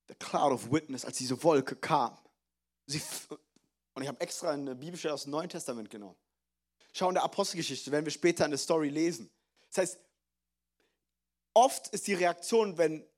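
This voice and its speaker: A young male pastor preaches with a high, bright-sounding voice. He speaks in a lively, joking manner, mixing English phrases into his sermon. His delivery swings between energetic emphasis and quieter, personal storytelling.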